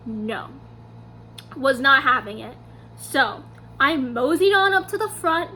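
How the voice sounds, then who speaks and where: A young woman vlogger telling a story to camera in a casual, animated way, acting out her own quotes. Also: high-pitched, takes it slowly, slight background noise.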